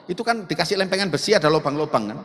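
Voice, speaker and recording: A man's voice: a little high, very fast. A male pastor with a Surabaya Javanese accent, preaching a sermon and talking straight to the congregation, slipping into local dialect. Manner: animated, addresses the congregation directly, slips into local dialect. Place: church sanctuary. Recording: echoey church hall with long reverb.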